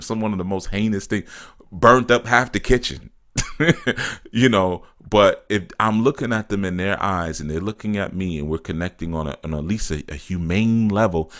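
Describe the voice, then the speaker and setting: Deep-voiced man chatting on a live stream. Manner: relaxed, conversational, laughs often, says "you know" and "man"; reads viewer comments aloud and answers them. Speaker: spiritual teacher answering live chat. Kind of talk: casual live-stream talk reading viewer comments.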